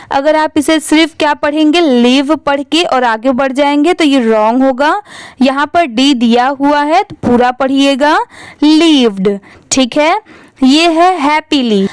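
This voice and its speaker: Woman, English reading teacher, high voice, spells words letter by letter, slow deliberate reading, dry close sound. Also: no room sound. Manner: spells words letter by letter, then reads them slowly.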